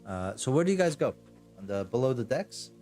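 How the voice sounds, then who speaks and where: A man's voice: mid-range voice, very animated, a little fast, warm tone, faint music behind. A man working as game master, narrating a tabletop role-playing game in an improvised, conversational way.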